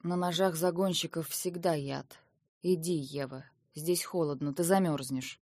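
A woman's voice: sits low, fairly even intonation, unhurried, a little mellow, no room sound, clean studio sound. A woman voicing a wounded young man who gives terse, dismissive commands in an audiobook. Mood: curt.

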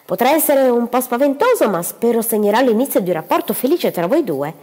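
A woman's voice: fairly high pitch, expressive, a little fast, dark tone, voice pushed up. Woman reading as a curt impatient country doctor. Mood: exasperated. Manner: curt and exasperated. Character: impatient middle-aged male country doctor. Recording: long reverberant room.

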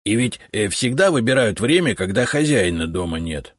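A man's voice: fairly low pitch, big pitch swings, moderate pace, husky, dry recording. A man voicing a boastful, self-important male house spirit who talks bossily with "eh" fillers, in an audiobook. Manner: bossy, know-it-all, grumbling with 'eh' fillers. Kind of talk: audiobook character voice.

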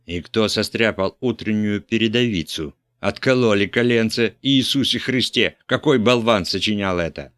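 A man's voice: on the low side, moderate pace, few pauses, a bit bright, no echo, studio quality, pitched above the performer's own voice, close to an everyday voice. A man reading an audiobook, voicing an irate, domineering older bishop who bellows and scolds. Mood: furious. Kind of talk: audiobook character voice.

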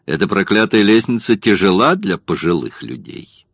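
A man's voice: low-pitched, big pitch swings, normal speed, no room sound, full character voice. A male narrator voicing a cocky secret agent who talks in a wry, mocking way.

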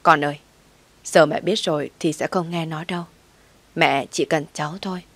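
A woman voicing a pleading elderly mother-in-law in a low, soft-spoken read. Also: fairly even intonation, normal speed, no room sound.

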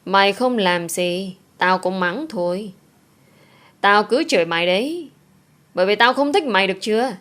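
A woman's voice: medium pitch, moderate pace, a bit bright, natural voice. A woman voicing a cruel middle-aged stepmother who berates a child harshly. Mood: harsh scolding.

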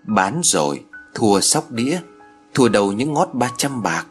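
A man's voice: fairly low pitch, very animated, unhurried, soft background music. A man voicing a bitter, scolding old grandmother in a spoken story. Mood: grim. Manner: grumbling, scolding.

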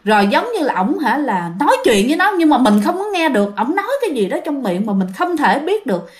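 A woman's voice: high-pitched, big pitch swings, fast. A young woman with a Southern Vietnamese accent telling a ghost story in a chatty, casual way, talking straight to her listeners. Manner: chatty, addresses listeners, many fillers.

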